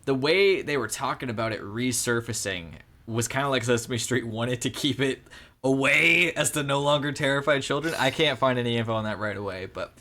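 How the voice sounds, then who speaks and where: A man's voice: mid-range voice, a little fast, sharp tone. A man co-hosting a casual movie podcast, talking in a loose, rambling way with restarts and repeated words. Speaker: podcast co-host.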